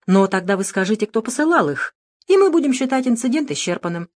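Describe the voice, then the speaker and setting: A woman voicing a calm, sarcastic middle-aged male detective in an audiobook, speaking in a cool, mocking, unhurried way. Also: a little high, pitched above the performer's own voice. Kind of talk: audiobook character reading.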